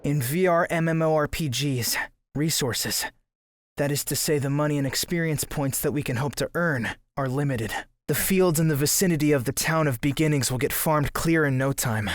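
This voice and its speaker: A man's voice: a little high, moderate pace, close to an everyday voice. A man voicing a determined young male gamer hero in an anime fan dub, with an earnest, dramatic delivery. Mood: urgent, serious.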